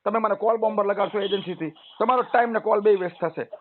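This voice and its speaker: A man with a high voice speaks fast on a recorded phone call, where he is a loan customer. Persuasive and lecturing, he argues his case at long-winded length, and the tinny line carries faint noise.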